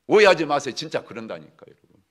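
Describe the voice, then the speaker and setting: A man preaching a sermon as pastor, leading the congregation through readings and often calling out to them, swinging from loud exhortation to soft asides. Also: a little high, very animated, fast talker. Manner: addresses the congregation often, leads group readings.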